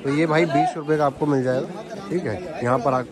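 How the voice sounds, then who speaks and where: A young man with a somewhat high voice walks a bustling outdoor market, quizzing stallholders on prices and relaying each one to viewers. He talks into a handheld camera. Loud crowd chatter fills the background. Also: fairly even intonation, brisk. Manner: asks vendors prices and repeats them to viewers. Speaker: market vlogger. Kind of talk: casual walkaround vlog. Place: busy outdoor street market. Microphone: handheld camera, point of view and selfie.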